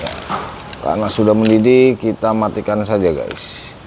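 Out on a patio garden, a man in his thirties casually reviews a camping stove for his vlog, walking viewers through it step by step and calling them guys. His voice is fairly low and his speed normal, with background noise audible.

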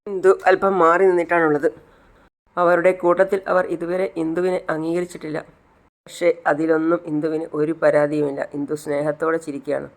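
Brief: male storyteller, fairly high voice, recapping drama episode. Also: a little fast. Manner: lively narration with voiced characters. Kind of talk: retelling a TV serial episode.

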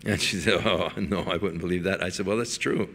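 A man's voice: low voice, fairly quick, fairly bright tone, a little hiss or hum. An older man, a pastor, preaching a sermon in a folksy storytelling way, chuckling now and then and restarting his sentences.

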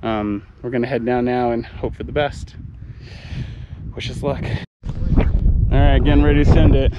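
A man's voice: medium pitch, level tone, normal speed, highs cut off, very noisy. A man vlogging casually outdoors on sand dunes, laid-back and chatty, often saying "like", recorded on an action camera. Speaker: travel vlogger. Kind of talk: casual on-camera vlog chat.

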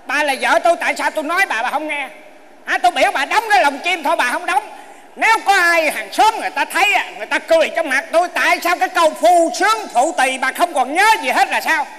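A woman's voice: high voice, animated, fast, fairly bright tone, big-room sound, slight background noise. A woman with a Southern Vietnamese accent playing a bossy, grumpy old husband who nags and scolds his wife in a comedy sketch. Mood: scolding. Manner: nagging, scolding. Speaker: comic actor.

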